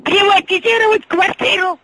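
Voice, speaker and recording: A woman's voice: extremely high pitch, fairly even intonation, moderate pace, sharp tone, no echo, low-quality recording. An older woman on the phone who cannot hear well, repeating herself in confusion.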